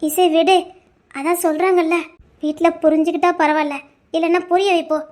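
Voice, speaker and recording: An actress playing a young woman who calmly persuades her frightened friend. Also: extremely high pitch, fairly quick. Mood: soothing. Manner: soothing, persuasive.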